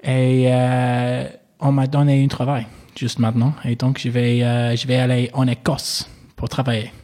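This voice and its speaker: A man's voice: mid-range voice, flat delivery, measured pace, warm tone. A young man from England in his twenties, speaking French as a learner with an English accent, hesitant and full of fillers. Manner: hesitant, many fillers and repeated yes. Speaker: interviewee. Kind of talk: casual conversation.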